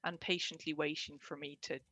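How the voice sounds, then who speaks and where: An Irish-accented woman telling her own story reflectively in an interview, with a lilting, expressive storyteller's delivery. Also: low voice, a little fast, breathy edge, dry recording. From Ireland. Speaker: guest, poet and storyteller.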